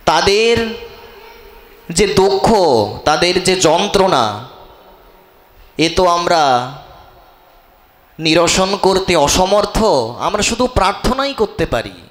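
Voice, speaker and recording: A man's voice: high voice, fairly bright tone. A man giving an impassioned devotional sermon and leading the crowd in chanting. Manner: slow, impassioned, leads chanting. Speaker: preacher.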